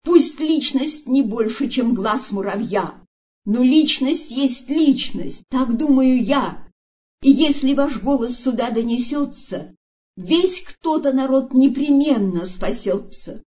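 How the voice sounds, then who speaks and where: A woman's voice: fairly high pitch, expressive, takes it slowly, mellow. Storybook: woman reader plays a kind, stubborn male elephant, pleading and urgent, dull lo-fi sound. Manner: pleading, insistent, raised voice. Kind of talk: storybook reading.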